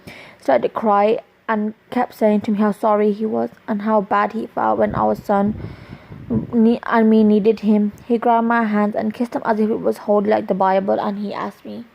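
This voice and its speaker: Gravelly woman reading her own story. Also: medium pitch, level tone, slight background noise. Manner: plain, halting reading with small restarts. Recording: dull lo-fi recording.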